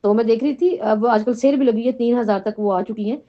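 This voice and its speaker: A middle-aged woman teaching a Quran lesson to a class, often asking questions and checking in with "right?". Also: on the high side. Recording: dull lo-fi recording.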